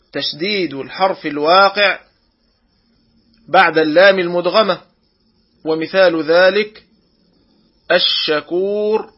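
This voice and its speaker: A man teaching Quran recitation rules, drawing out each example word slowly and deliberately. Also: high voice, breathy edge, dull audio. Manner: slow, deliberate, drawn-out example words. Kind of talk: tajweed lesson.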